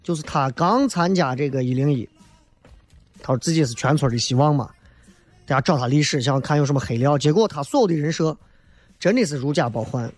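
A man's voice: fairly high pitch, expressive, brisk, faint music behind. A man hosting a talk show, giving a casual comedic monologue in a colloquial, emphatic way, often tossing in rhetorical questions.

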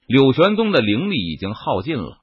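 Husky guy reading a martial fantasy story, big dramatic swings, dull dry recording. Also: mid-range voice, huge pitch swings, moderate pace, dry recording. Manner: dramatic, emphatic delivery of action scenes. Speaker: audiobook narrator. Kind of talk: dramatic novel narration.

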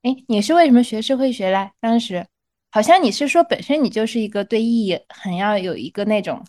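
A woman's voice: on the high side, expressive, fairly quick, darkish tone. A woman hosting a livestream in a casual conversational way, with the odd English word mixed in. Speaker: livestream host.

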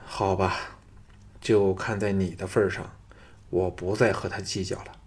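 Cold curt hero guy, read by a man, low husky voice. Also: level tone, unhurried, full character voice. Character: cool, commanding young male hero.

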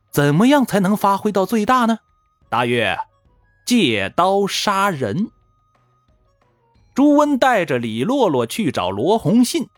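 A man narrating history in a lively, folksy storytelling manner, with dramatic pauses. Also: mid-range voice, no echo, clean studio sound.

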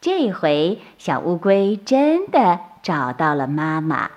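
Slow, soothing woman storyteller. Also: low voice, very animated, a little mellow, highs cut off. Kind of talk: bedtime story reading for children.

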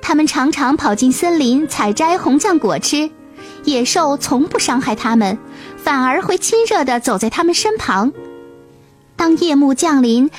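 A woman storyteller reading a scripted fairy tale for children. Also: sits high. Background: faint music.

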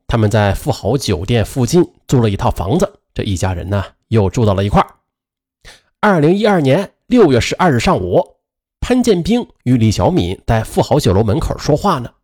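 Dramatic male storyteller with a lively voice. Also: mid-range voice, husky. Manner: dramatic, with drawn-out filler particles. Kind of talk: dramatic true-crime story narration.

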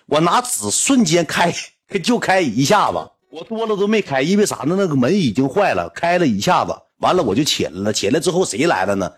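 A man with a Northeastern Chinese accent telling a comic personal anecdote in an animated, rambling, indignant way. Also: fairly high pitch, husky. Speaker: storyteller.

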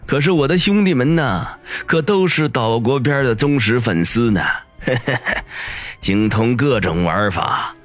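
Guy doing a smug lecherous young thug boss, drawls slow, voice swoops up and down. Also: medium pitch, expressive, dry recording, faint music behind, voice pushed up, natural voice. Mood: gloating. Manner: sneering, gloating, menacing chuckles. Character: arrogant lecherous young male gang boss. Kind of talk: audiobook character voice.

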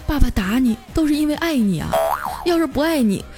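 A woman voicing a short-tempered man nearly forty, gruff and blunt. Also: sits high, animated, brisk, music in the background, pitched above the performer's own voice. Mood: earnest.

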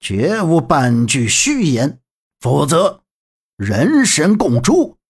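Narrator playing a low-voiced smooth-talking envoy, slow and husky. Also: very animated, full character voice. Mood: solemn. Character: cunning male envoy, calm and persuasive.

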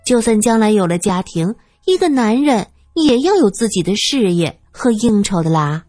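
A woman voicing a spoiled, sharp-tongued young woman who wheedles, teases and bullies in a high, shrill voice. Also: very animated, unhurried, husky, no room sound, studio quality, soft background music, heavily acted. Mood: wheedling, teasing.

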